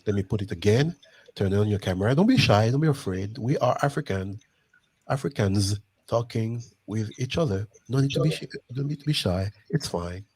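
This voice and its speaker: A man's voice: fairly low pitch, lively intonation, moderate pace, a little mellow, slightly rough. A man from Guadeloupe hosting a live online show, talking casually and eagerly, often repeating himself as he urges viewers on. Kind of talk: live stream chat.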